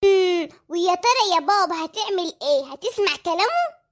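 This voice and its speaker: A woman voicing a squeaky mischievous Egyptian cartoon boy. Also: expressive, brisk. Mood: eager. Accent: Egyptian Arabic. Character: mischievous young boy, son of the family.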